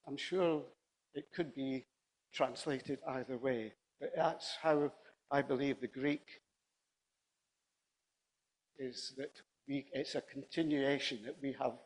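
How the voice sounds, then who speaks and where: A man's voice: medium pitch, fairly even intonation, slow, pauses often, rough recording. A man preaching a sermon in a conversational, anecdotal way, often repeating and rephrasing himself.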